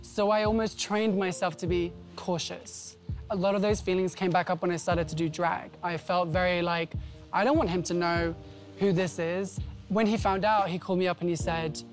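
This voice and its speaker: A man's voice: sits high, fairly even intonation, moderate pace. Male drag queen panelist over faint music. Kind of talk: panel chat. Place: TV studio panel stage.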